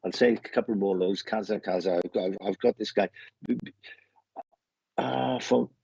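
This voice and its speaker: This Welsh man, a medium running a live online show, greets his viewers in a rambling, casual chat full of repeated phrases. His voice is on the low side, gravelly and warm with a slightly rough texture, at a normal speed, through muffled, roomy stream audio.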